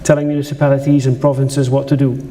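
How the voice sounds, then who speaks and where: Speaking fast in a warm, mid-range voice with little pitch movement, a Dutch man from the Netherlands presents at a conference in a lecture room. The talk is conversational, with frequent restarts and asides to the audience, over a little hiss or hum.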